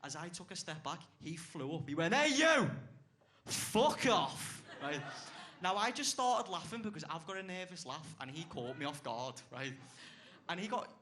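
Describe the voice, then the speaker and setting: A man's voice: on the high side, expressive, moderate pace, bright, forceful tone. A young man doing a stand-up routine on a club stage, brash and swearing, chuckling at his own lines. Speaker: stand-up comedian.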